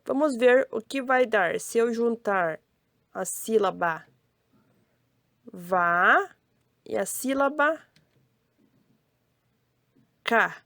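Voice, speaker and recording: A woman's voice: a little high, measured pace, no echo, studio quality. A young woman with a Brazilian Portuguese accent, teaching young children to read in a cheerful, sing-song voice, sounding out syllables one by one. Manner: cheerful, sing-song, addressing kids directly. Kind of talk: slow, syllable-by-syllable children's lesson.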